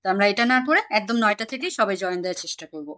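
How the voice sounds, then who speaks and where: A woman's voice: medium pitch, lively intonation, very fast, pushed and bright. A woman teaching an online German class, patiently quizzing her students on pronunciation over a video call.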